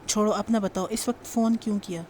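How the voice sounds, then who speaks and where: A woman voicing a moody, sharp-tongued young woman who fires off prickly questions. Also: medium pitch, steady tone, slight background noise, natural voice.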